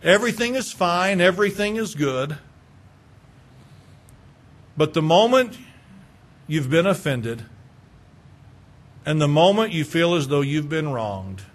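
High-voiced man preaching a sermon. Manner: asks the listeners many rhetorical questions; repeats words as he builds a point. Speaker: pastor.

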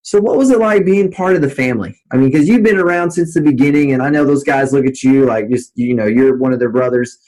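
Male host, casual interview, meandering questions, mid-pitched voice. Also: fast talker, hardly any pauses, darkish tone, poor audio. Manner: loose, meandering questions with fillers.

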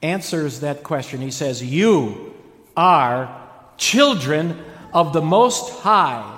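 A man's voice: sits high, fairly bright tone. A man preaching a sermon as pastor, with dramatic, emphatic delivery and stretched key words. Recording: echoey hall with long reverb.

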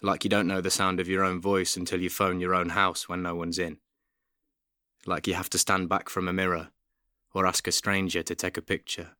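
A man from Nottingham with a softened East Midlands accent, reading spoken-word poetry in a quiet room. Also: sits low, little pitch movement, moderate pace, smooth, no echo, clean studio sound. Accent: softened East Midlands English. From Nottingham, England. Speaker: poet and actor. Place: housemates' bedroom, quiet indoors.

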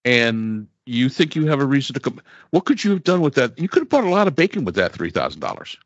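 A man co-hosting a podcast, chatting casually and getting animated as he retells stories. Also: mid-range voice, fast, dry recording, highs cut off. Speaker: podcast co-host. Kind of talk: casual political chat.

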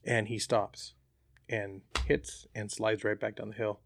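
A man's voice: on the low side, a little slow, vocal fry, dry recording. Chatty man, dry close sound. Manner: relaxed, chatty, with frequent fillers. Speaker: hunter, interview guest. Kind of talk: casual storytelling.

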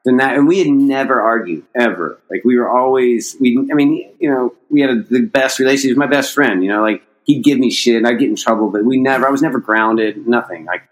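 A man's voice: medium pitch, a little fast, hardly any pauses, rough recording. A middle-aged man from the United States telling a long personal story in a casual, rambling way, with restarts and casual swearing. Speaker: podcast guest, skateboarder.

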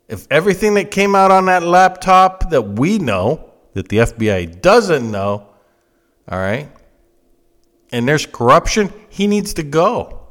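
Speaking at a measured pace, a fifties-aged American host gives an opinionated political monologue, blunt and forceful, driving points home by repeating phrases. His voice is fairly high and a bit bright, with big swings in pitch.

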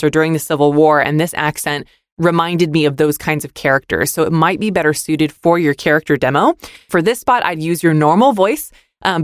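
A podcast host gives friendly, constructive critique of voice-over demos, using casual fillers as they explain. The voice sits mid-pitch, recorded close and dry with no room sound. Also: no echo. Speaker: podcast host, demo reviewer.

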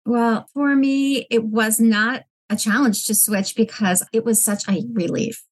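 A woman's voice: a little high, steady tone, a little slow. A woman founder answering interview questions in an earnest, reflective way. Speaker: guest, business founder.

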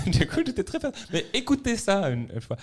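Playful, laughing man with a lively voice. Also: sits high, measured pace, a loud crowd. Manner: laughs often, playful teasing. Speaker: podcast host. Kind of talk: casual chat.

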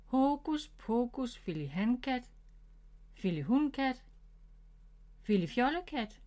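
A woman's voice: on the high side, very animated, a little mellow, pitched above the performer's own voice. A woman voicing an eager young boy rabbit who is learning magic, in a storybook read-aloud. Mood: flustered.

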